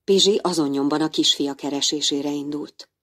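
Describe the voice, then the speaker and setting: A woman reading a children's storybook aloud as narrator, in an expressive storytelling manner. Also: sits low.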